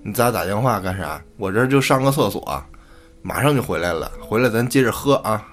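A man's voice: on the low side, lively intonation, a little fast, faint music behind, close to an everyday voice. A man voicing a tipsy, joking young male cousin. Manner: slurred, jokey.

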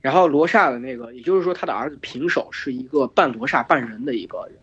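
Hoarse guy telling a long story, lots of ums and restarts, husky, kinda muffled recording. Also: mid-range voice, fast, fairly bright tone. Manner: rambling with many fillers and restarts. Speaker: podcast host retelling myths. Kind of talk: casual storytelling chat. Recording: dull lo-fi podcast recording with faint music.

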